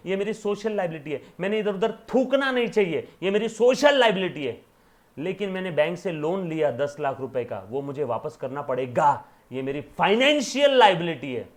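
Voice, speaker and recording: A man with an Indian accent teaching accounting in a casual lecture, mixing in English terms, reading definitions slowly and often asking "yes or no?". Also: high-pitched. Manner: coaxing, asks "yes or no?" often; mixes Hindi with English terms. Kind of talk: online classroom lecture.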